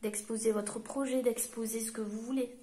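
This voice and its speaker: A woman with a French accent, working as a medium and giving a spoken card-reading guidance to her viewers, pausing and restarting as she looks for words. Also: fairly high pitch, fairly even intonation, noisy background. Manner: halting, searching for words while reading cards. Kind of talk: tarot-style guidance reading to camera.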